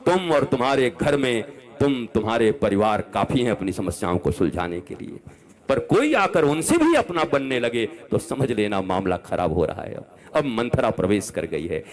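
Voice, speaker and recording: A man in his fifties giving an impassioned religious discourse as a spiritual preacher, scolding and swinging between loud outbursts and soft asides to a large gathering. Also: medium pitch, big pitch swings, moderate pace. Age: 50s.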